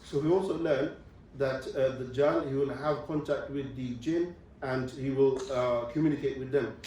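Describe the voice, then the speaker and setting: A young visiting Islamic speaker lectures students on religion in a university lecture room, explaining things step by step and often checking in with "okay." His mid-range, darkish voice moves at normal speed with fairly even intonation. The distant mic picks up a very echoey room and slight background noise.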